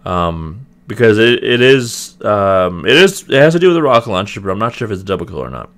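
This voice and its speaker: A lively man with a low, slightly raspy voice hosts a gaming video, giving a casual gameplay review at a fairly quick clip. He rambles and hedges with many ums and restarts, clearing his throat as his voice grows raspier.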